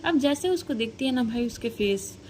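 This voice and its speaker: A woman's voice: fairly high pitch, expressive, moderate pace, darkish tone, slight background noise. A woman narrating a story casually, chatty and slangy, talking to the listener like a friend.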